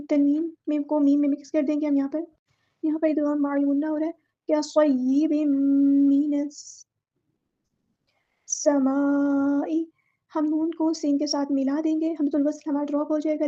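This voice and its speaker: A woman teaching a word-by-word tajweed lesson, explaining each letter patiently and then reciting the words slowly. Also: sits high, mellow, dull audio.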